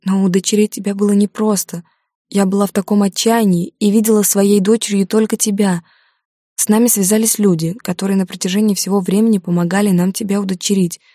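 A woman's voice: mid-range voice, little pitch movement, fairly quick, mellow, no echo, clean studio sound, lightly acted. A woman reading the part of a desperate middle-aged mother in an audiobook, confessing and pleading. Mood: pleading confession. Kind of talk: audiobook character voice.

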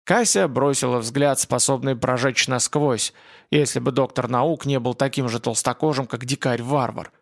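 A man narrating an audiobook in an even, measured reading style. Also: mid-range voice, vocal fry.

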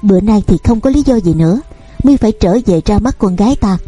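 A woman's voice: medium pitch, animated, fairly quick, mellow, slightly rough, no room sound, soft background music. A woman reading the part of a stern, grieving older mother who scolds and pleads insistently. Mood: scolding.

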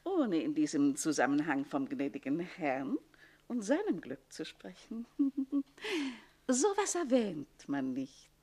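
An actress playing a jealous, scheming middle-aged housekeeper in a classic radio play, speaking in a sharp, mocking, sly manner with a husky voice. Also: female voice, low-pitched, sing-song, slow, full character voice.

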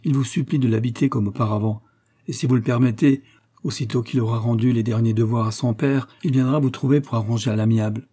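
A man's voice: mid-range voice, steady tone, fast talker, mellow, husky, lightly acted. A man reading a storybook, voicing an old village priest who speaks firmly and with authority. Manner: firm, urgent, commanding.

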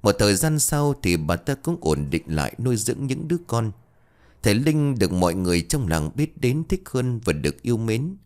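Deep-voiced male horror storyteller. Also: darkish tone.

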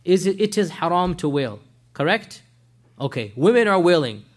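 A man giving a weekly religious history lecture in an animated way, often asking his listeners rhetorical questions and weaving in Arabic religious phrases. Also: high-pitched, moderate pace.

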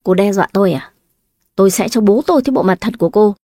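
Brief: shrill whiny schemer, young woman, dry close sound, read by a woman narrator. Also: fast talker, dark tone, no echo, natural voice. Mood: indignant. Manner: whining, shrill when pleading.

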